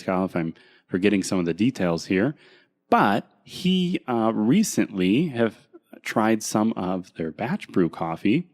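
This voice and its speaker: A man with a fairly low voice co-hosts a relaxed podcast chat. He ribs his partner, laughs often and keeps the talk moving. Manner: laughing, teasing banter. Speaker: podcast co-host. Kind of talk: casual chat.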